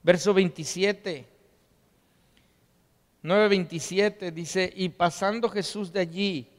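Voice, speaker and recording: A pastor with a high, steady voice preaches slowly to his congregation, reading scripture aloud. In call-and-response style he has them repeat phrases after him, and the church hall gives the recording a long reverb.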